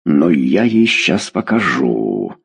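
A man reading a story aloud, voicing a stern, gruff middle-aged father. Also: on the low side, big pitch swings, slow, warm tone, exaggerated voice. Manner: gruff, curt.

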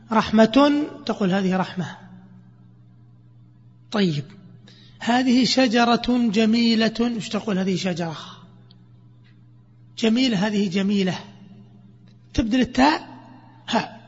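A man gives a grammar lesson in a fairly high voice. He asks his own questions and answers them himself, repeating each example slowly. The recording is dull and lo-fi, with long echo from a lecture hall. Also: slightly rough. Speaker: teacher of Arabic grammar. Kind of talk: classroom explanation of grammar.

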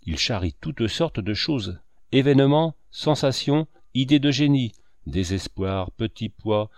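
Expansive painter in an audiobook, rattling off lists, lively voice, man reading. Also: mid-range voice, a little slow, no room sound. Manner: enthusiastic, listing. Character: expansive male painter, self-satisfied.

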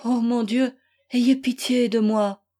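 A woman's voice: a little high, measured pace, mellow. A woman reading an audiobook, voicing an anguished young wife who pleads in tearful prayer.

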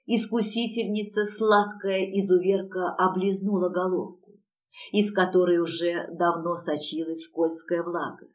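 A woman narrates a first-person romance audiobook, reading softly and intimately at an unhurried pace. Her voice is a little lower than most women's. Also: rough recording.

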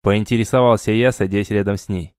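A man's voice: fairly low pitch, steady tone, brisk, a little mellow, no room sound. Man reading a fantasy audiobook, dry sound. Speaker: audiobook reader. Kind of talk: first-person fantasy audiobook narration.

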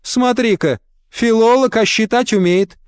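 A man voicing a brash, crude woman boss with a low chesty voice, firing blunt, mocking questions at an applicant. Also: unhurried, clear, resonant tone, no room sound, studio quality.

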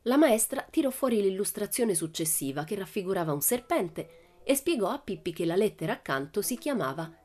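A woman reading a children's storybook aloud in a lively, expressive narration. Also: mid-range voice, fairly quick. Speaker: audiobook reader.

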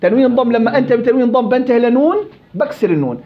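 Brisk Levantine Arabic tajweed teacher. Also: male voice, very high-pitched, muffled recording. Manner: brisk and animated, drills students by repeating examples slowly. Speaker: Quran recitation teacher. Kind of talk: live tajweed class, questioning students.

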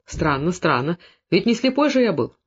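A man voicing an arrogant, hot-tempered gendarme officer who shouts indignantly. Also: sits high, very animated, moderate pace, husky, highs cut off, heavily acted. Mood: bewildered.

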